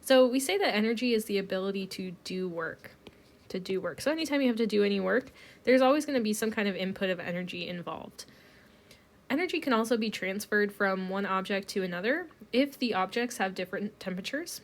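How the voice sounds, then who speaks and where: In a mid-range voice that runs a little fast, a woman records a chemistry lecture while still recovering from a cold. She goes through each step calmly, with many ums sprinkled in.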